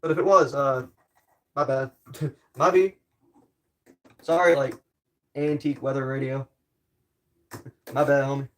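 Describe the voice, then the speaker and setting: A man's voice: medium pitch, steady tone, unhurried, long pauses. A man livestreaming casually, rambling jokey self-deprecating commentary to his viewers while he works with tools.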